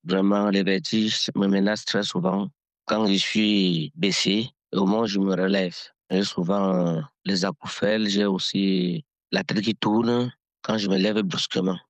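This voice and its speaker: A man from Cameroon leaving a voice message for a radio show, his voice altered by a voice changer to hide who he is; he speaks haltingly. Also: on the low side, creaky, dry recording. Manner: halting, plain description of symptoms. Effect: voice changer disguising identity. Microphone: phone voice message.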